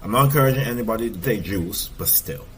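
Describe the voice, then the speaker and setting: Deep-voiced man in his thirties, emphatic. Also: quick pace, fairly bright tone, a little hiss or hum. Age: 30s. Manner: emphatic, repeats himself for stress. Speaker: online fitness coach reacting to a video. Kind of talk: casual reaction commentary.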